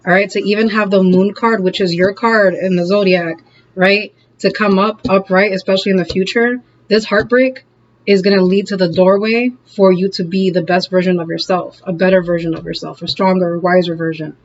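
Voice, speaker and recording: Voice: medium pitch, fairly even intonation, normal speed. Chatty tarot reader, dull lo-fi sound. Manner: chatty, keeps checking in with "okay?" and "all right?"; laughs often, encouraging and direct. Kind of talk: casual tarot reading to camera.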